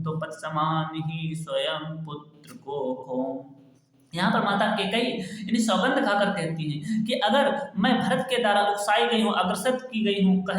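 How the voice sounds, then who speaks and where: Male literature teacher, high voice, patient line-by-line explainer, very roomy echo. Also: a bit bright. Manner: glosses word meanings patiently, repeating phrases. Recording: very echoey room.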